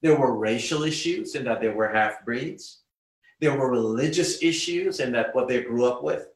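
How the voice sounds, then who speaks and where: Preacher from Guyana, male, measured sermon delivery, mid-pitched voice in a reverberant room. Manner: emphatic, deliberate teaching.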